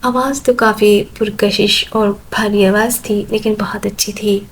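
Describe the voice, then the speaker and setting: A woman's voice: medium pitch, fairly even intonation, slightly rough, low-quality recording. A woman narrating a first-person story in a plain, conversational way.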